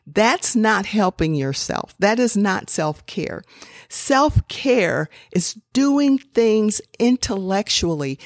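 A woman speaks slowly and earnestly, offering gentle self-care advice as a podcast host. Her voice sits a little low, and the sound is close and dry with no room around it. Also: no room sound. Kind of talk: unhurried faith-based self-care talk.

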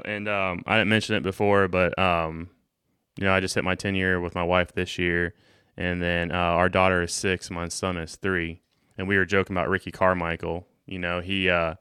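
A man in his thirties hosting a podcast, talking in an earnest, measured way. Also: low-pitched, fairly bright tone, clean tone, no echo, studio quality. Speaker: podcast host. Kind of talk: casual chat.

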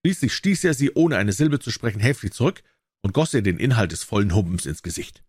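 Expressive male story reader, lively delivery. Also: on the low side, a little fast, slightly rough, no room sound, clean studio sound. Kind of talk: audiobook reading of a classic story.

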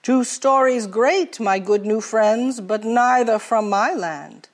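A woman voicing a northern sailor-merchant, gentle, rhyming verse, slow. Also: high-pitched. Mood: tender. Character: gentle Icelandic sailor-merchant, fond storyteller.

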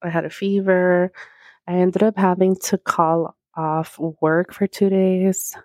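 A podcast host records a casual solo episode alone in a quiet office, speaking into a small handheld mic that gives a close, dry sound without room echo. Her slightly low voice is scratchy from a recovering illness, level in tone and slow, as she rambles chattily with lots of fillers.

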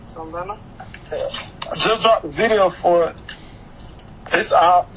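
A young hip-hop artist, born in Haiti and living in Florida after moving to the US at eleven, talks slowly in a high-pitched, slightly bright voice. He's chatting casually as an interview guest, slangy and repetitive, and often says "you know what I'm saying." The background ambience is clearly noisy.

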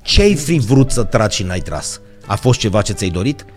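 A man's voice: on the low side, very animated, a little mellow, faint music behind. A Romanian man hosting a podcast interview, asking questions with jokey asides. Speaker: podcast host. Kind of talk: casual interview chat.

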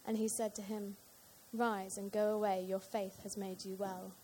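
A woman reads a Bible passage aloud in a dark, mellow voice. She keeps a steady, even pace. A faint hiss of noise sits behind her. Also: mid-range voice, normal speed. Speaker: scripture reader. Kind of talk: reading scripture aloud.

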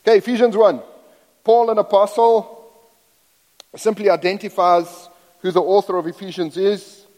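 In a church sanctuary with long hall reverb, a middle-aged man of Zambian birth and South African upbringing gives a guest sermon. His high, darkish voice keeps fairly even intonation at a moderate pace and pauses often. He's folksy, self-deprecating and prone to rambling asides.

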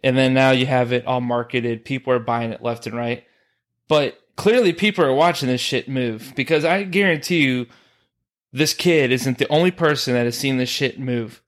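A man's voice: mid-range voice, moderate pace. A man co-hosting a podcast, ranting bluntly about a movie and swearing freely. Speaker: podcast co-host. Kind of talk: casual movie review chat.

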